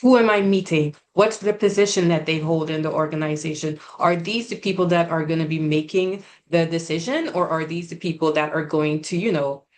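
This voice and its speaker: A woman from Guyana, speaking earnestly on a webinar panel, often pausing with "um" and asking "right?". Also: deep voice. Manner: earnest, measured, with frequent "um" and "right?". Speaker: regional representative. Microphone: video call.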